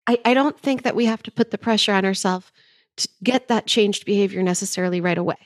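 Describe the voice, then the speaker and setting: A woman's voice: medium pitch, fast, dry recording, studio quality. A woman co-hosting a relationship podcast, thinking aloud and checking in with her partner. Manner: reflective, checks in with "right?". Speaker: podcast co-host. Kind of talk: casual chat about relationships.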